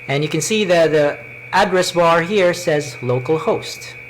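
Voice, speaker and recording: A man with a Cebuano Filipino accent presents a live tech demonstration in deliberate, measured short phrases, speaking into a wired microphone. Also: on the high side, slight background noise, rough recording. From Philippines. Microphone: wired microphone into a laptop.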